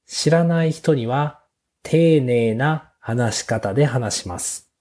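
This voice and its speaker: A man hosting a beginners' Japanese lesson podcast, speaking slowly and simply with small fillers. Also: mid-range voice, darkish tone. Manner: slow, clear teacher's delivery with fillers. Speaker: podcast host teaching Japanese.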